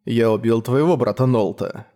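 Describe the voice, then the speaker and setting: A man voicing a cold, detached young male hunter who talks flat and emotionless. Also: mid-range voice, normal speed, close to an everyday voice.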